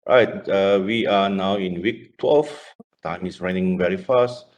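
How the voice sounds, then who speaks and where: A male lecturer with a very low voice speaks slowly and unhurriedly. He runs through class announcements with plenty of pauses and fillers. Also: highs cut off. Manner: halting, with frequent fillers.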